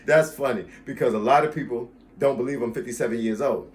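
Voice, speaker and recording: A fast-talking fitness coach in his fifties, mid-range in voice, speaks casually to camera about his channel with a slight hiss or hum audible. He's emphatic, addressing viewers directly and repeating key phrases.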